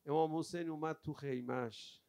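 A male preacher telling a religious story in a sermon, rising from quiet storytelling into loud, lamenting cries. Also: a little high, steady tone. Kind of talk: Shia mourning sermon.

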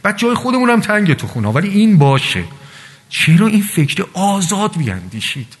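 Husky, higher-voiced male preacher in a hall. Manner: animated, lively storytelling with voiced asides. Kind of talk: religious sermon with storytelling. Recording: long reverb of a large hall.

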